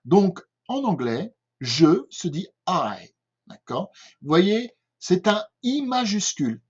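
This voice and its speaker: An older man from France, an English teacher with a French accent, has a breathy-edged voice on the high side. He gives a patient home-made lesson, repeating himself and checking in with "d'accord?", on a dull lo-fi recording.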